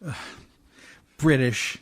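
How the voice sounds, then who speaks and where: In a radio play, a male actor voices a scrappy, folksy, working-class riverboat skipper who talks in plain, ungrammatical speech. He draws out his words, and his mood comes across as evasive and subdued.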